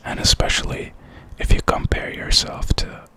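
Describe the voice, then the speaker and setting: A man who makes ASMR content whispers words of encouragement in a breathy, unvoiced way, reflective in mood. He keeps a moderate pace and his tone comes across sharp.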